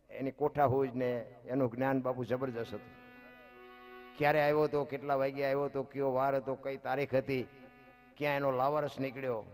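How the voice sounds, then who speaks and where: A man telling folk stories live, chatting directly with his listeners. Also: medium pitch. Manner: chatty, addresses listeners directly, laughs softly. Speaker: folk storyteller. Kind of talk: live folk storytelling to an audience.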